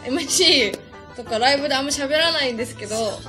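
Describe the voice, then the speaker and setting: A woman's voice: high voice, fast talker. A woman co-hosting a casual talk show, trading wry, self-deprecating banter. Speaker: co-host. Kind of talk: casual chat. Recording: music playing loudly behind.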